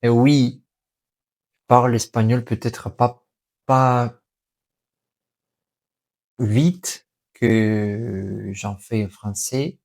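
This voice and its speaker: A young man with a Russian accent, talking casually to his vlog in halting non-native French, searching for words and correcting himself. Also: mid-range voice, creaky, a little mellow. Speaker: vlogger and language learner. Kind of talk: casual unscripted vlog talk.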